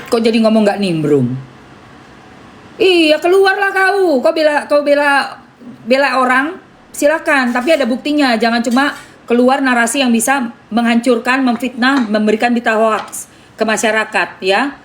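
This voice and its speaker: A woman's voice: a little high, moderate pace. Indignant woman streamer. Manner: talks to viewers by name, argues indignantly; calls herself [name]. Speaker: live streamer. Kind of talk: casual live-stream commentary.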